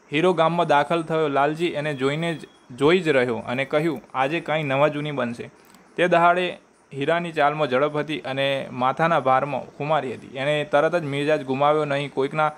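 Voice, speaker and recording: A man reading a short story aloud in a measured way, sometimes stopping to restart a word. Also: fairly high pitch.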